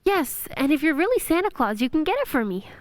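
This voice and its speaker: A woman's voice: high voice, sing-song, fairly quick, dry recording. A woman playing a young girl in a radio play, earnest, plain-spoken and a little doubtful. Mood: earnest, wistful. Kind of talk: stage-style radio play acting.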